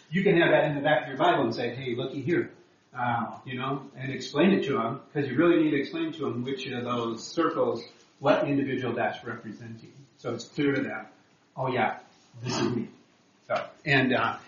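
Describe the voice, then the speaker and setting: A man leads a church class in an easygoing, conversational way, full of "um"s and quick self-corrections. His voice sits in a middle register and carries a roomy echo. The recording sounds dull and lo-fi. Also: mid-range voice, a bit bright. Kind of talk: teaching a class on sharing faith.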